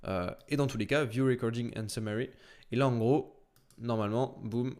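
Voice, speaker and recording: A man demoting nothing but walking through software in a casual, rapid screen-share tutorial, full of fillers and little sound words. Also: mid-range voice, fairly even intonation. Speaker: sales coach.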